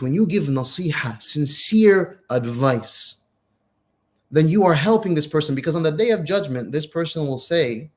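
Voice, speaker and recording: A man co-hosting a casual religious chat, telling stories in an animated way and repeating phrases for emphasis. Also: a little high. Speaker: co-host, Islamic teacher.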